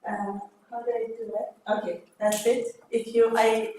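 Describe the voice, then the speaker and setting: A woman's voice: a little high, flat delivery, dark tone. Woman presenting in an echoey hall. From Armenia. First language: Armenian. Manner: friendly, laughing, halting with fillers. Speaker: project manager presenting. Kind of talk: conference presentation. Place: conference hall. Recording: echoey hall with faint noise.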